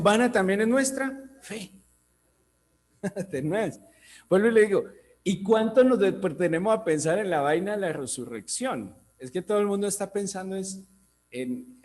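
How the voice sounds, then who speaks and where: A man from Colombia with a Colombian accent, preaching a sermon and stressing points with rhetorical questions; a tongue-tie makes his R sound guttural. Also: a little mellow. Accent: Colombian Spanish. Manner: emphatic rhetorical questions, rising to high peaks.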